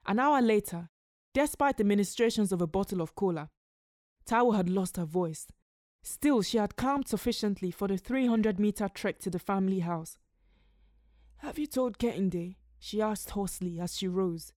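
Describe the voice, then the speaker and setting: A woman reading a literary short story aloud in a measured, expressive narrating voice. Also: medium pitch, dry recording, studio quality. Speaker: story reader.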